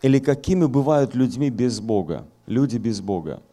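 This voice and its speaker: A male pastor preaching a sermon emphatically with repeated key phrases, his voice booming with a hollow effect as if inside a metal tank. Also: lively intonation, normal speed, mellow. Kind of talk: sermon to a youth gathering. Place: hot hall, speaking over a sound system with monitors. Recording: boomy barrel-like hall sound effect, music behind.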